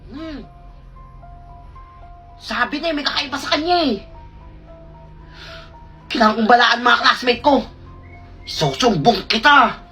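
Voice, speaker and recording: A woman's voice: a little high, expressive, normal speed, pauses often, pushed and bright, faint music behind. A woman acting in a comedy skit, brash, playful and bossy.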